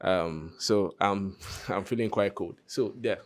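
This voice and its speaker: Here the Nigerian presenter speaks in a low voice at a slow pace. He shows off his hackathon project in a relaxed live talk, cracking jokes and speaking straight to the audience.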